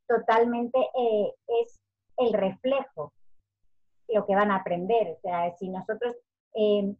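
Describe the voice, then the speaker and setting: Chatty woman, dull lo-fi sound. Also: medium pitch. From Spain. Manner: chatty, acts out quoted lines. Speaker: guest, parenting educator. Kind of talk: casual interview talk.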